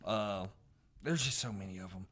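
A man's voice: on the low side, moderate pace, fairly bright tone. A man with a Southern US accent co-hosting a casual podcast in a self-deprecating, joking way. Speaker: podcast co-host.

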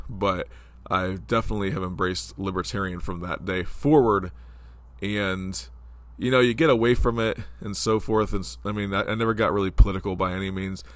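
A man in his forties hosts a casual solo podcast, rambling conversationally with plenty of fillers. His voice is low-pitched and a bit bright, and it sounds stuffed up from a cold.

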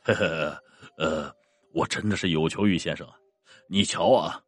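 A man's voice: deep voice, fairly even intonation, dry recording, pitched below the performer's own voice. A man voicing a grim underworld ghost general. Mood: grave. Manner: slow, grave and commanding. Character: cold stern male ghost general from the underworld.

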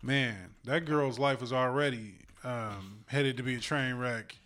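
A man's voice: medium pitch, steady tone, measured pace, a bit bright. A man co-hosting a radio talk show, trading joking, streetwise banter in casual chat.

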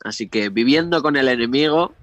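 A man's voice: mid-range voice, animated, fairly quick, fairly bright tone, no room sound, highs cut off. A man co-hosting a music podcast, rambling with restarts and teasing his friends. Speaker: podcast co-host. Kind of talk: casual chat about music.

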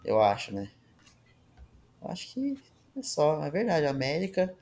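A man's voice: a little high, huge pitch swings, normal speed, a little mellow. A man with a Brazilian Portuguese accent hosting a football talk, chatting informally and with plenty of slang, as if among friends. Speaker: football podcast host. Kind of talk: casual chat among friends.

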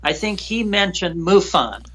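A man guest recounting a frightening personal story in an emotional, halting way, often repeating himself. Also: high-pitched, sing-song, bright, forceful tone.

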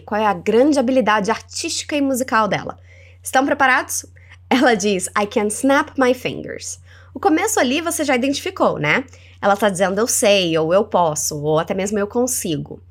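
A woman with a Brazilian Portuguese accent hosting a language lesson podcast. She is encouraging and slows down to model English words for the listener to repeat. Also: fairly high pitch. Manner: animated and encouraging, models words slowly for repetition. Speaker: English teacher and podcast host.

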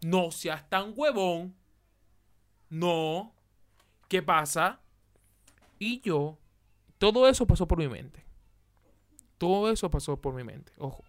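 Man, Venezuelan accent, casual podcast storytelling, unhurried, animated loud-to-soft swings, dry close sound. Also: on the high side, no room sound. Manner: animated, swings from loud bursts to near whispers; colloquial, repeats himself for emphasis. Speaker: podcast host.

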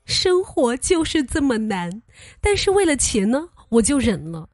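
A woman's voice: fairly high pitch, measured pace, dry recording. A young woman hosting a comedy podcast, telling jokes and anecdotes in a teasing, playful way and acting out the people in them. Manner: teasing, animated, acts out quoted voices. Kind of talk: playful comic storytelling.

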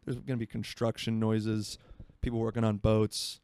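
A man's voice: lowish voice, level tone, normal speed, dark tone, smooth. A man in his twenties from Florida, hosting a solo podcast in rambling, self-mocking casual chat from his home by a marina. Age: 20s. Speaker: podcast host.

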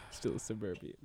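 A man's voice: mellow, no echo. A young man from suburban Washington chatting casually as a podcast co-host, rambling and informal. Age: young adult. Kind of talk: casual chat.

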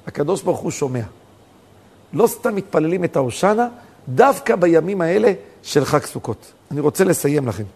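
A man, a rabbi, telling stories in a sermon, swinging from soft talk to emphatic outbursts. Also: on the high side, creaky, breathy edge. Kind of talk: storytelling sermon.

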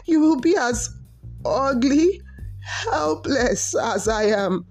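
A woman's voice: high voice, expressive, slow pace, a little mellow, husky, faint music behind, pitched above the performer's own voice, heavily acted. Woman doing a shaky old crippled woman. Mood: grave.

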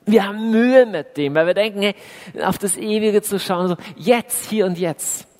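A man preaching a sermon to a congregation, urging them directly, sometimes loud and emphatic, sometimes quiet and solemn. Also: sits high, moderate pace. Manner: addresses the congregation directly and warmly. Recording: long hall reverb.

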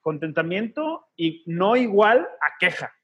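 A man's voice: sits high, sing-song, measured pace, a bit bright, breathy edge, dull audio. A man, co-hosting a faith podcast and telling personal stories earnestly with slangy asides. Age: 30s. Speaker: podcast co-host. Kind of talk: casual faith podcast conversation.

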